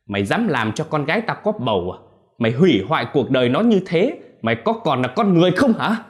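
A man voicing an enraged old village father who shouts and scolds. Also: sing-song, fast. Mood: furious. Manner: roaring, scolding, high and strained.

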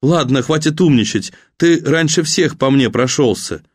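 A man's voice: medium pitch, normal speed, slightly rough, no room sound, studio quality, lightly acted. A man reading a novel aloud, voicing a brash young woman who argues back defiantly. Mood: scolding. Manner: quarrelsome, defiant.

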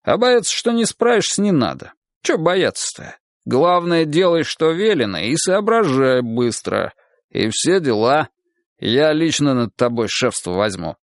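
A hearty, pushy, well-off man in an audiobook, talking up high and lively with a swagger, as a male narrator puts him on. The sound is dry and close, with no room behind it. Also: measured pace, dry recording. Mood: boisterous. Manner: hearty, pushy, higher and louder than the narration. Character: boisterous rich middle-aged man, brash friend.

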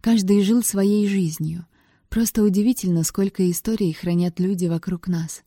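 A woman's voice: mid-range voice, steady tone, normal speed, dark tone, no room sound, clean studio sound. A woman reading a first-person novel aloud, with a wry, sardonic tone. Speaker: audiobook narrator.

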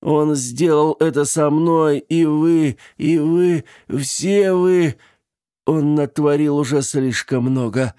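A man's voice: mid-range voice, slow, creaky, warm tone, dry recording, studio quality, voice pushed up. A man voicing a frail dying old man who cries out and pleads for help. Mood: desperate cries. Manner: pleading, crying out, wheezing.

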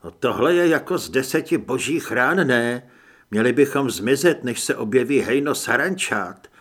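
A man's voice: on the high side, big pitch swings, a bit bright. Man doing a nervous young teammate. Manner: nervous, anxious.

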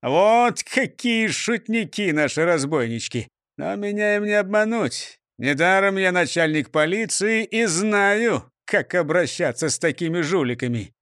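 A man's voice: high-pitched, animated, unhurried, few pauses, a bit bright, dry recording, studio quality. A man doing a pompous storybook police chief. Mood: boastful. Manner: pompous, mocking.

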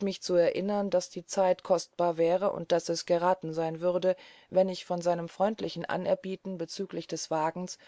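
Low-voiced woman narrating an audiobook. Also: mellow, dry recording, studio quality. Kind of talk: scripted narration of a classic novel.

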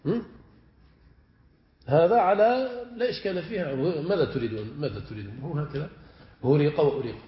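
Male grammar teacher, a touch high-pitched, lecturing and quizzing students, lo-fi room recording. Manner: drawn-out stressed word forms, questioning students. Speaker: sheikh teaching Arabic morphology. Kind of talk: classroom lecture. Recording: echoey room, dull lo-fi sound.

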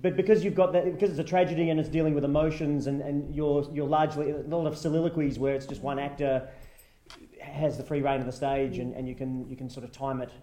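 Man, stage actor, casual interview talk, halting restarts, mellow tone, echoey room. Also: on the high side, fairly even intonation, slight background noise.

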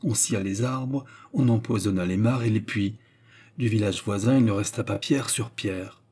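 Mellow, husky male narrator. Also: on the low side. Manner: measured storytelling. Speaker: audiobook reader. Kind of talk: scripted narration.

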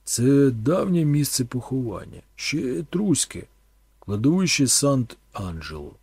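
A man's voice: mid-range voice, very animated, measured pace, darkish tone, husky, no room sound, heavily acted. A male reader voicing a stern monk who speaks curtly and cautions others. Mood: explaining. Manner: curt, cautioning, dismissive.

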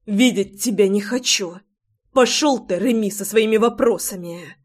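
A woman's voice: medium pitch, a little slow, natural voice. A woman voicing a fiery pregnant young wife who hisses and snaps back at her husband in an audiobook. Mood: hissing anger. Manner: hissing, snapping.

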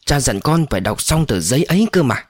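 A man's voice: medium pitch, very animated, fairly quick, breathy edge, dry recording. A frail, dying old father who once led a gang of outlaws, as a male narrator puts him on. His voice swings widely between anguished cries and weak murmurs. The recording is dry and close. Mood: weak reproach.

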